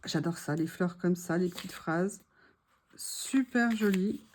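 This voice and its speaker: A woman chatting casually to her viewers while unboxing craft supplies, gushing softly and adding small asides. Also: fairly low pitch, slow, slight background noise. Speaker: craft vlogger.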